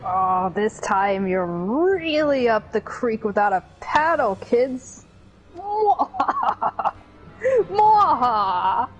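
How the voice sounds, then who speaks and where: A woman plays a theatrical game villain who gloats with slow menace. The voice taunts in drawn-out, grandiose phrases over faint music. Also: medium pitch, animated, poor audio. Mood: gloating menace.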